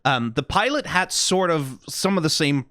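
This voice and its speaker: A man hosts a reaction video, his voice high-leaning, pushed, and bright, with lively intonation at a normal speed. He gives rambling, analytical, casual criticism full of "like" and "right?" and tinged with wry profanity, recorded in clean studio sound without echo.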